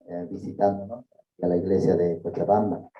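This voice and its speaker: A man's voice: low voice, little pitch movement, normal speed. A man leading a church service, thanking a speaker and formally introducing the pastor. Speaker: service leader. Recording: echoey hall from far off, dull sound.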